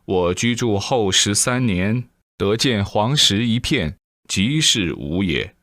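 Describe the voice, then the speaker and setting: Picture an aloof old male immortal in a told tale, slow and solemn in his old-fashioned speech. His voice sits low and close, with a dry sound, and a man acts him out. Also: lively intonation, a bit bright, no echo. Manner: slow, drawn-out classical declaiming.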